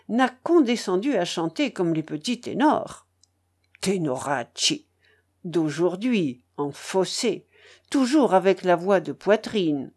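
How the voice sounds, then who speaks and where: A woman's voice: fairly low pitch, a little mellow, full character voice. A woman playing a pompous old Italian singer. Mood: boastful. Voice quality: tremulous, hoarse when singing. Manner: pompous, theatrical, sprinkles Italian phrases. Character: boastful old Italian male ex-opera singer.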